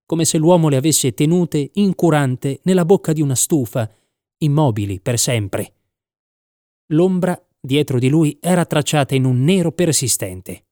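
Measured male audiobook narrator, dry sound. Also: mid-range voice, a little mellow, no echo. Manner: measured, reflective reading. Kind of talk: scripted first-person story narration.

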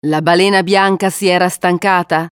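A woman narrates an adventure storybook in a measured, expressive way. Her voice is smooth and slightly low. The recording is close and dry. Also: no echo.

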